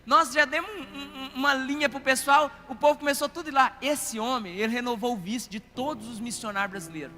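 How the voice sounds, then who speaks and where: A Brazilian man preaches with a very high, bright, ringing voice. He tells a story in an animated way, calling his listeners "querido" and asking for amens. The sound rings out through a reverberant church hall over faint music. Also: a little fast, few pauses. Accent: Brazilian Portuguese. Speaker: pastor. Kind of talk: storytelling sermon.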